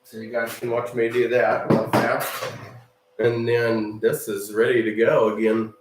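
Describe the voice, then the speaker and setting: A man's voice: medium pitch, little pitch movement, reverberant, distant mic, background noise. A man hosting a hobby channel, casually narrating as he sorts parts at his workbench, with the hiccups. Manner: slow, offhand narration while working with his hands. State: has the hiccups.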